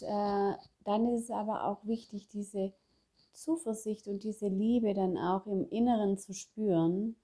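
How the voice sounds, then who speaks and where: A middle-aged woman talks at an unhurried, drawn-out pace, like a coach sharing something personal. She repeats gentle affirmations in a soft, measured way, her voice sitting at an ordinary middle pitch. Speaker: self-help coach. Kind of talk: personal motivational talk.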